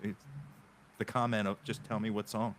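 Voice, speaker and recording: A man's voice: lowish voice, flat delivery, normal speed, a bit bright, a little hiss or hum. A man on a podcast, talking casually through a compressor on his voice. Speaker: podcast guest, music video creator.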